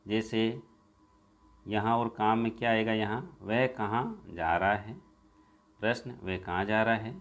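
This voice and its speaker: A man with a lowish voice teaches a workbook lesson. He reads out each exercise and answers it step by step. He slows down and leans on the muddled sentences before he corrects them. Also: steady tone, a bit bright. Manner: reads jumbled sentences slowly and with stress.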